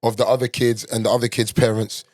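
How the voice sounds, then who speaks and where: A man's voice: medium pitch, flat delivery, fast talker, darkish tone, dry recording. A man with an urban London accent, talking like a roadman in casual, opinionated, slang-heavy and sweary chat. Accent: London, urban street.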